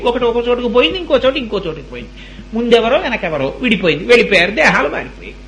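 A man with an extremely high, slightly bright voice delivers a devotional sermon over a little hiss or hum. As a religious discourse speaker, he tells stories, speaks directly to his listeners, and breaks into chanted, sung verses.

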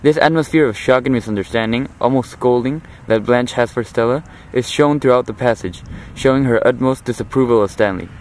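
A teenage boy delivers a prepared oral commentary for class, formal and analytical in tone. His voice sits in an ordinary middle pitch. A faint hum of traffic runs underneath. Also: fairly quick, hardly any pauses, darkish tone, low-quality recording. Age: teens. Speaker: high school student.

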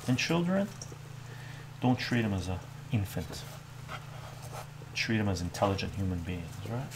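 A man's voice: on the low side, creaky, noisy background. A middle-aged man hosting a cooking livestream from his home kitchen, chatting casually and ending his sentences with "right?". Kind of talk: casual chat while cooking.

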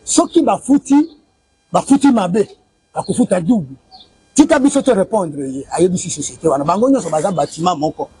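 This is a brisk, animated, high-pitched yet mellow voice, with a little hiss or hum on the recording. A Congolese man in his forties, on a lapel mic outdoors in a building's courtyard, insistently lays out a family money dispute in a street interview. He keeps repeating dates and sums while waving documents.

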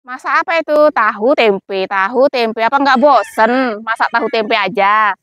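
A man's voice: extremely high pitch, normal speed, fairly bright tone, no echo, voice pushed up. A man voicing a gossipy, fussy neighbor woman who pries about cooking. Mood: prying. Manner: prying, fussy about food. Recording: noisy home recording.

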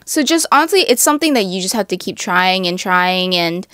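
A woman's voice: mid-range voice, expressive, a little fast, a bit bright, dry recording, clean studio sound. A young woman hosting a casual advice talk, chatty and full of "like" and "literally.". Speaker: host.

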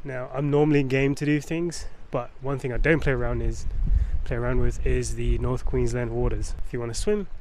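A man's voice: medium pitch, level tone, brisk, few pauses, darkish tone. A man in his thirties, chatty and explaining things to viewers as a travel vlogger, outdoors by the sea. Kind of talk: casual travel vlog. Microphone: handheld mic on camera. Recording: outdoor wind and ambient noise.

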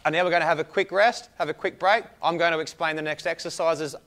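A man's voice: on the high side, steady tone, quick pace, fairly bright tone. A young Australian man working as a fitness coach, calling out short instructions and encouraging praise as he leads a home workout. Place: indoor room with hard floor and whiteboard.

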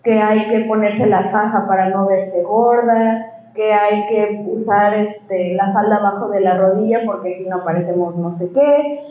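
A woman presenting her book in a large hall, explaining her ideas in a measured, engaged way. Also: mid-range voice. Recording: echoey hall, muffled sound.

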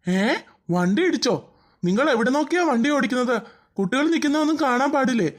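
A man's voice: extremely high pitch, lively intonation, fast talker. A man voicing an indignant cartoon dad. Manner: scolding, complaining. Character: struggling single father, protective and indignant.

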